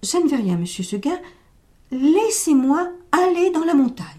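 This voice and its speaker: A woman puts on a stubborn young nanny goat who longs to run free, speaking in soft, hushed, half-whispered tones. The delivery is slow and mellow. It is a storybook reading. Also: mid-range voice, expressive. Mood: longing.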